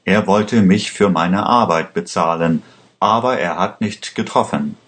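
A man voicing an endangered young hero in a slowly read German storybook, raising his pitch and sounding urgent and pleading. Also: a bit bright. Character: young man in danger, urgent and quick-witted.

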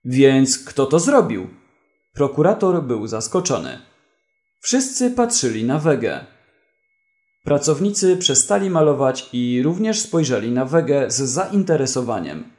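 Slow, lively-pitched male narrator. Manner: clear, deliberate reading. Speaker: narrator and language teacher. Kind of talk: slow scripted story narration for learners.

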